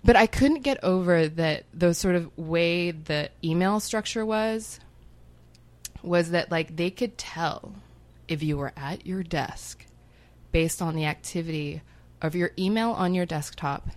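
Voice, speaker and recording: A woman's voice: fairly low pitch, a little slow, a little mellow. A woman in her thirties who grew up in Hong Kong, chatting as a podcast guest in a wry, self-mocking way and swearing freely. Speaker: guest writer. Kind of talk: casual podcast chat.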